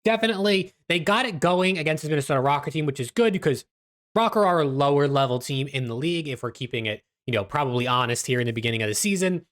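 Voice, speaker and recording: A man's voice: fairly high pitch, expressive, fast, fairly bright tone. A man giving casual esports analysis as host of a recap video, speaking a little constrained with stitches in his mouth after dental surgery. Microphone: webcam video setup.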